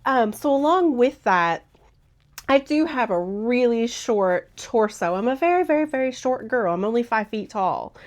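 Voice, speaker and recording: A woman hosting a knitting vlog in a chatty, rambling way, her voice hoarse and froggy. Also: a little high, a little mellow. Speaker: knitting vlogger. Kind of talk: casual vlog chat.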